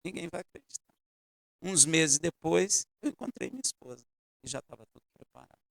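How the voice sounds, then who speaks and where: In church, a pastor tells a personal story during his sermon and speaks directly to his congregation, his loudness shifting as he goes. His fairly high voice is very animated and a little fast, with vocal fry.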